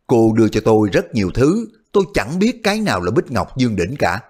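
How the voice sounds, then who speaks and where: A man's voice: mid-range voice, wildly swooping pitch, brisk, darkish tone, husky. A man voicing a bold, shrewd male warrior hero who talks in a wry way, feigning forgetfulness.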